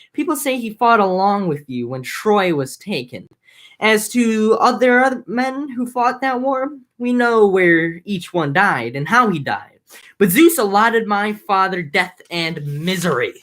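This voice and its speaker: Woman reading earnest young prince, plain voice, lively inflection. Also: lowish voice. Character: young prince Telemachus, pleading for news. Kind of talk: amateur dramatic reading.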